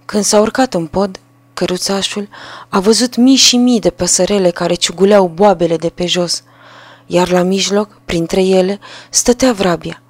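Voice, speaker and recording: Woman calmly reading a fairy tale. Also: medium pitch, no echo. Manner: calm, measured narration. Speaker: storyteller. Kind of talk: storybook reading.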